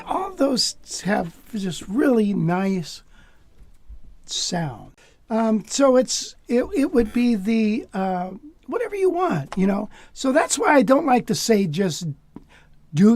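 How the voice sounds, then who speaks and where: A man teaching jazz guitar in a relaxed, casual way, sometimes dropping to a near whisper. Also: high voice, slow. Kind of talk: relaxed lesson talk.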